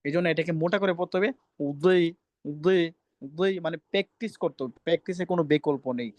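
A man's voice: a little high, quick pace, a little mellow, no echo. A man teaching Quran recitation, drilling letter sounds over and over and sternly scolding students who talk over him. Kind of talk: online class teaching pronunciation.

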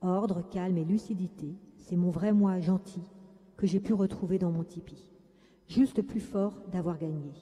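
A woman reading aloud as a sensitive, thoughtful young boy who speaks of calming his anger, in a slow, soothing storytelling voice. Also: on the low side, lightly acted. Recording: echoey lecture hall.

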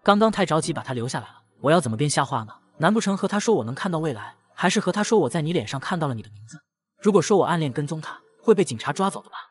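A man narrating a comic recap in a brisk storytelling manner. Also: on the high side, very animated, slightly rough.

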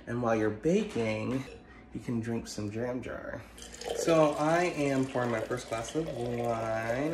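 A young man filming himself in his home kitchen on a phone held at arm's length, chatting playfully as he walks through a recipe. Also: slight background noise. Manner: playful, chatty, lively pitch swings. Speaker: home cook sharing a recipe. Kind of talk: upbeat cooking video narration. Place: home kitchen and hallway, indoors. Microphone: phone camera held at arm's length. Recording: echoey home kitchen with faint ambience.

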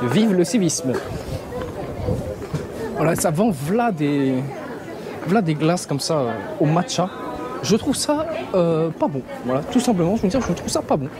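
A man's voice: a little high, sing-song, measured pace, pauses often, crowd noise. A young Parisian man with a Parisian accent, chatting casually to a handheld camera while walking a busy street, slangy and rambling. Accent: Parisian French. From France. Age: young adult. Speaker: vlogger. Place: busy traditional shopping street outdoors. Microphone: handheld camera at arm's length. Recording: street noise behind.

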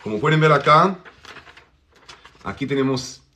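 A man teaching an English pronunciation lesson, slowly drawing out vowel sounds to demonstrate them. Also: mid-range voice, lively intonation, bright, forceful tone, slight background noise.

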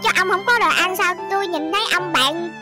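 Very high, fast-talking woman in role-play. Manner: fast, scolding and protective. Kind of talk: game role-play with character voices. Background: loud background music.

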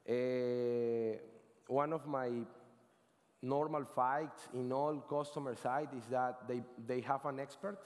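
A Venezuelan man in his thirties, a Spanish speaker, talks from a big conference stage through a headset mic. His voice sits at an ordinary middle pitch. The sound carries a long hall reverb, and he rambles casually, fixing his words as he goes. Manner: casual, rambling, frequent self-corrections and "right?" tags. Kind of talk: conference talk.

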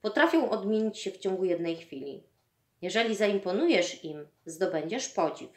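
A woman reading the lines of a calm, patient older male teacher in a measured, reasoning way. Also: mid-range voice, roomy sound, lightly acted.

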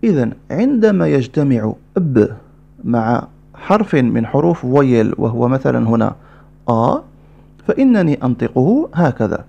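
A man's voice: mid-range voice, very animated, normal speed, creaky, mellow, highs cut off. A man teaching French pronunciation in a lesson, patiently explaining step by step and repeating each sound several times. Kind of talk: Arabic-language pronunciation lesson.

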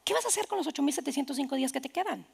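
Woman pastor in her thirties, a high, gravelly voice, animated preaching with soft whispered asides. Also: racing. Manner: animated, quoting others in asides. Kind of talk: sermon.

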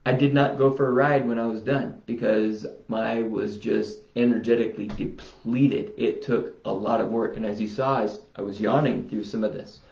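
A man's voice: fairly low pitch, steady tone, creaky, a little mellow. A man vlogging casually as he demonstrates a self-healing routine, rambling and talking to himself as he goes. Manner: unhurried, rambling, talks to himself. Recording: roomy, dull lo-fi sound.

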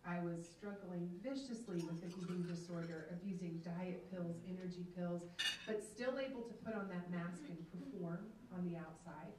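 A keynote speaker, a woman in her thirties from Atlanta in the American South, tells her faith testimony earnestly and emphatically, holding a handheld mic in a large banquet room. Her voice is lowish and her speed normal. Background noise, echo, and distance color the recording.

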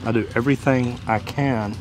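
Standing outside next to a brick house, a man in his 50s to 60s, a plumber and video host, walks viewers through a hands-on job in a relaxed, folksy tone. He speaks at a normal speed with medium pitch and a steady tone, while music plays behind him.

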